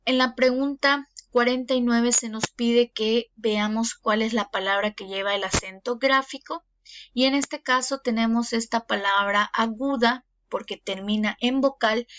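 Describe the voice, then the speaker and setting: A woman's voice: on the high side, fairly bright tone. Lady teacher walking through exam answers, lots of "eh", faint hiss behind. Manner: patient, explanatory, with frequent fillers. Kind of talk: recorded exam review lesson. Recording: dull lo-fi recording, faint noise.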